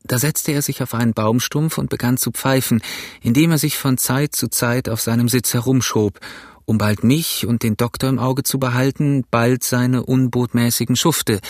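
A man narrating a classic adventure novel as an audiobook in a measured, steady storytelling manner. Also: mid-range voice, dry recording, clean studio sound.

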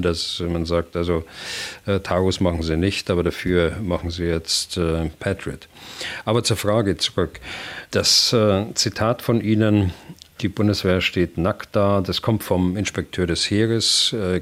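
An older man with a very low voice explains things calmly and methodically. He often pauses and fills the gaps with hesitation sounds, like an expert guest in an interview. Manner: hesitant, many filler sounds, measured. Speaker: retired general, expert guest.

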